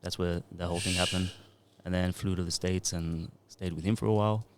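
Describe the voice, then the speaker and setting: A man in his thirties, a music producer and DJ, speaks in a low voice with fairly even intonation and a brisk pace. He rambles in a laid-back way into a podcast mic during a casual interview.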